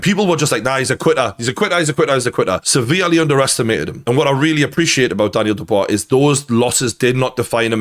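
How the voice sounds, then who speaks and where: A man talks as an online sports commentator. He gives his opinions in an emphatic, conversational way. His language is casual and sweary. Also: mid-range voice. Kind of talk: opinionated boxing reaction commentary.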